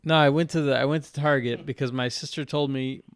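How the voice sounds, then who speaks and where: A man's voice: medium pitch, fairly even intonation, a little fast, clear, resonant tone, no room sound, faint music behind. Male podcast co-host, dry close mic, easygoing crude storyteller. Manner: laid-back storytelling, crude humor. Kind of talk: casual chat.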